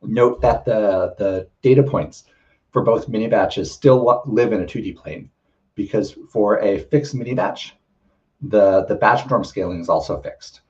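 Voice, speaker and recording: A man's voice: lowish voice, unhurried, a little mellow, highs cut off. A man giving a technical lecture, explaining step by step with frequent ums and restarts, slightly losing his voice.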